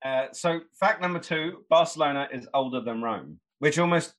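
A man's voice: fairly high pitch, moderate pace, fairly bright tone, rough recording. A man co-hosting a podcast, sharing trivia in a joking, self-deprecating way. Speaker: podcast co-host. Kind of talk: casual podcast chat.

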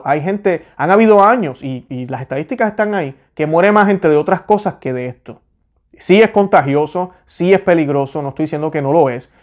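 Fervent man preaching with a higher voice. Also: a little mellow. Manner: fervent, repeats key phrases for emphasis; hesitant restarts mid-sentence. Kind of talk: informal sermon.

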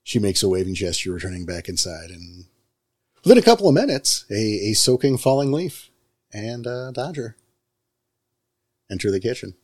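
A man runs a tabletop roleplaying game in a low-pitched voice. He narrates scenes off the cuff as game master. The sound is dry, with very little room on it. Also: moderate pace, dry recording.

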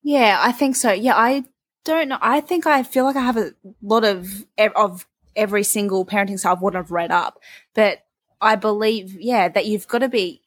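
A woman's voice: medium pitch, moderate pace, no room sound. A young woman co-hosting a parenting podcast, talking frankly and emphatically in a casual chat, with the odd swear word. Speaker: podcast co-host.

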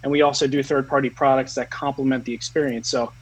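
A man speaking as the founder of a company in a casual interview, earnest, slowing down on key words. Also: medium pitch, little pitch movement, slightly rough, low-quality recording.

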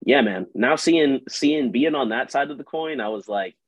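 A man's voice: medium pitch, expressive, normal speed, husky, no room sound. A man talking casually as an interview guest, loose and slangy, leaning on "like" as he goes. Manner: slangy, loose, heavy use of "like". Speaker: interview guest, musician and writer. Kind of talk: casual conversational interview talk. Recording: dull lo-fi close dry audio.

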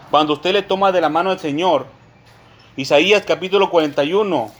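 A man preaching a sermon, reading scripture slowly and with emphasis and often calling his listeners brothers. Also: a little high.

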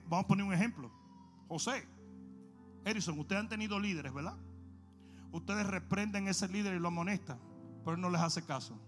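A man preaching an animated sermon, acting out stories and swinging between shouting and low asides. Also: vocal fry.

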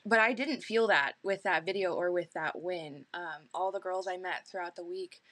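A woman's voice: fairly low pitch, moderate pace, bright, forceful tone, no room sound. A young adult woman, a pageant titleholder, chatting earnestly as a podcast guest, full of little fillers. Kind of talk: casual podcast chat.

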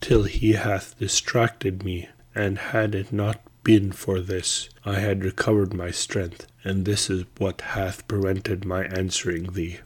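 A man reading a sultan who fakes a slave's voice, speaking low, hushed and at times in a whisper. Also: flat delivery, slow, few pauses, breathy edge, full character voice.

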